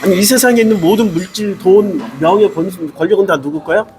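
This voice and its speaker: A man's voice: high-pitched, fast talker, noisy background. A middle-aged male pastor preaching with emphatic rhetorical questions and emotional swings. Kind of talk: sermon. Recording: music playing behind.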